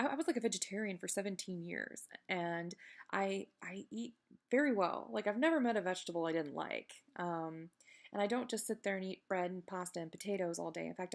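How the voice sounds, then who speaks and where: A woman's voice: lowish voice, a little fast, creaky. A woman giving a casual, chatty video update while recovering the day after surgery, candid and self-deprecating, wandering into digressions. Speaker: video blogger giving a personal health update.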